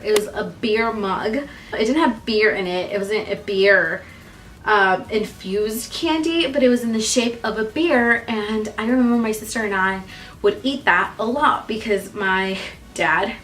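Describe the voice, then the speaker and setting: A woman's voice: medium pitch, fairly bright tone, recorded from a distance. A woman in her twenties from Guatemala, a YouTuber chatting casually to camera, with lots of ums and little laughs. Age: 20s.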